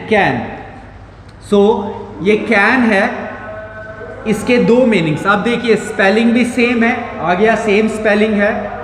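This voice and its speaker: A man's voice: high voice, a bit bright. A male school English teacher, giving a grammar lesson and spelling words out letter by letter. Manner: slow, repeats and spells out words. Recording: roomy echo with long reverb.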